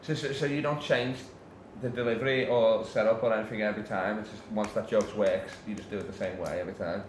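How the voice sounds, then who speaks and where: A man hosting a casual podcast chat, excitable and stammering over restarts, swearing freely, recorded in a comedy club after a show. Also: lowish voice, fast. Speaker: podcast host. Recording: echoey room with faint noise.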